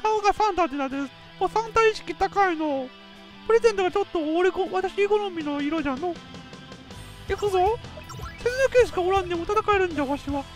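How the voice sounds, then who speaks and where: A woman's voice: very high-pitched, fast talker, soft background music. A woman commentating a video game in a playful, boastful, old-fashioned elderly dialect. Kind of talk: casual let's play commentary.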